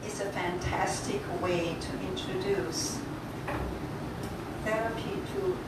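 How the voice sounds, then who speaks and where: A middle-aged woman from Switzerland, an art therapist and pastor, giving a halting public talk at an exhibition opening with frequent pauses. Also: medium pitch, fairly even intonation. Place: exhibition space. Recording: echoey room, distant mic, loud background noise.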